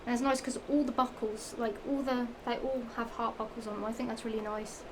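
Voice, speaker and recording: Her fairly high, steady voice moves a little fast, carrying a Norfolk accent and a little strain from the heat. The young Englishwoman gives a chatty vlog show-and-tell of shoes, giggling, rambling and repeating herself, with lots of fillers and restarts. It was recorded at home amid background noise.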